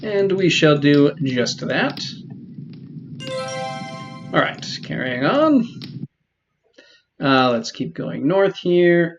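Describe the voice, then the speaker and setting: A man giving relaxed, chatty commentary while playing a game, with many ums. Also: fairly high pitch, lo-fi sound, slight background noise. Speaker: let's play host. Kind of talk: casual gameplay commentary.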